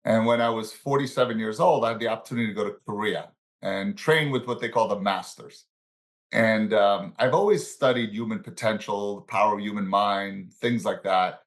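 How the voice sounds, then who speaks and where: A man in his sixties, born in Italy and raised in the Bronx, relaxed as he tells stories from his life as an interview guest. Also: lowish voice, moderate pace. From born in Italy, raised in the Bronx, New York. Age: 60s. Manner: relaxed storyteller, chuckles between anecdotes. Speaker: guest, financial services professional and coach. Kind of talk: casual interview storytelling.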